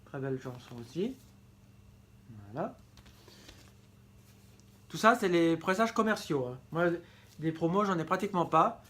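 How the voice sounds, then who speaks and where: A man's voice: fairly high pitch, big pitch swings, measured pace, long pauses, bright, forceful tone. A man presenting his vinyl collection in a casual vlog, enthusiastic and often correcting himself mid-sentence. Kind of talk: casual show-and-tell vlog.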